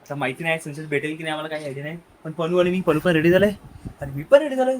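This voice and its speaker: A young man in a casual family vlog, teasing his child playfully and dropping to quiet asides for the camera. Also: fairly high pitch, very fast, slight background noise. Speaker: vlogger.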